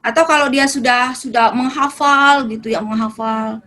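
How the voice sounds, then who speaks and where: A woman with a high, bright voice speaks at a moderate pace in a steady but forceful tone, though the audio is poor. A religious parenting speaker, she answers audience questions at a seminar in a casual, conversational style, sometimes acting out mother-child dialogue.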